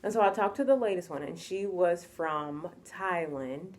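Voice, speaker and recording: A woman's voice: lowish voice, moderate pace, a little mellow. A woman telling a casual storytime, chatty and full of "like" fillers. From United States. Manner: chatty, full of "like" fillers, acts out quoted voices. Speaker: vlogger.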